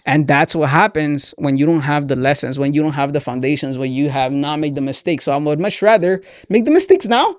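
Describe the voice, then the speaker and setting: This earnest, chatty entrepreneur in his twenties hosts a motivational podcast, speaking straight to his audience about lessons learned and frequently tossing in "right?". His pitch runs fairly high, and his tone is darkish, clear and resonant. The sound is clean studio audio without any room sound.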